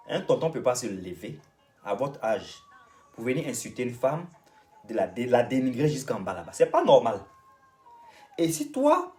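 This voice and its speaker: Lecturing Ivorian man, off-mic, soft music. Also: mid-range voice, recorded from a distance. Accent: Ivorian French. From Côte d'Ivoire. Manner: lecturing, repetitive, addresses his target directly. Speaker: vlogger and singer. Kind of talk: ranting monologue to the camera.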